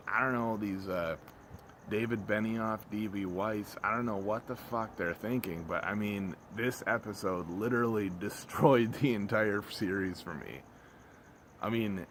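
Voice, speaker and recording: A man giving a casual, off-the-cuff rant, rambling and repeating himself in halting phrases, blunt and full of swearing. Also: deep voice, fairly bright tone. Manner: rambling, repetitive, halting, often trailing off mid-phrase; blunt, profane, exasperated. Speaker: vlogger reviewing a TV episode. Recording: clear background ambient noise.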